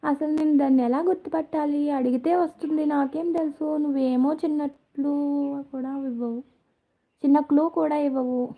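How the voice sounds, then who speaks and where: Woman doing a live stream, high voice with a lot of fry, just chatting w/ viewers by name. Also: fairly even intonation, normal speed, narrow, tinny audio. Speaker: live-stream host reading viewer comments. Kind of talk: casual live chat.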